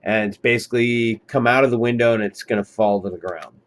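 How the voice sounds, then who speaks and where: A man kiteboarding instructor giving easygoing, encouraging commentary over lesson footage, pausing often with fillers. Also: medium pitch, heavy background noise.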